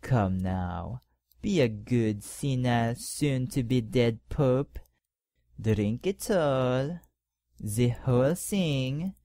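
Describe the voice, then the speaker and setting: Guy doing a sneering villain cardinal, mock polite, drawn out slow lines, very dry sound. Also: mid-range voice, mellow, no echo. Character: scheming power-hungry male cardinal poisoning the pope. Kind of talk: audio drama acting.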